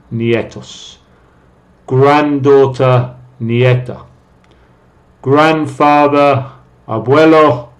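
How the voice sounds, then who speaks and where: A man teaching English vocabulary to Spanish speakers, saying each English word slowly and then giving its Spanish meaning. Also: medium pitch.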